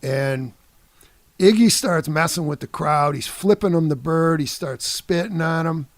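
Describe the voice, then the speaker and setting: A man in his sixties from the Detroit area, a guest musician telling an animated story in a casual interview, laughing often and dropping "man" and "you know". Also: fairly high pitch, unhurried, no room sound.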